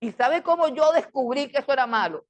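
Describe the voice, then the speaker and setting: A woman's voice: sits high, animated, a little fast. A middle-aged woman teaching a Bible class in a fiery preaching style. She scolds with emphatic repetitions and keeps firing off rhetorical questions.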